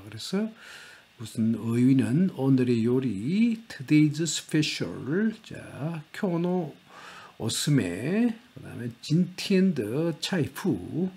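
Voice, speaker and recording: A man teaching a grammar lesson, talking slowly and repeating words with fillers. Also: mid-range voice, creaky, mellow, husky. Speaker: language teacher.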